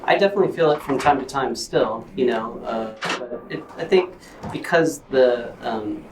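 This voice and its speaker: A man, an actor on a convention panel, talking in a relaxed, conversational way. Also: medium pitch, normal speed. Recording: roomy distant mic with audible noise.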